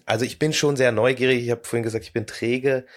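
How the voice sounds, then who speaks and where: A man talking as a podcast guest in a relaxed, thoughtful way, pausing often with filler sounds. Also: mid-range voice. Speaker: guest, 3D illustrator. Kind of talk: casual podcast conversation.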